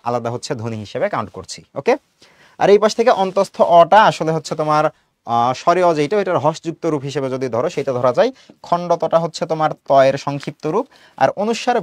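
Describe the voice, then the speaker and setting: Fast, lively male teacher. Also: fairly high pitch, dry recording, studio quality. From Bangladesh. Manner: explains step by step, drawing out sounds as examples; colloquial, mixes in English words. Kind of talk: online lecture for students.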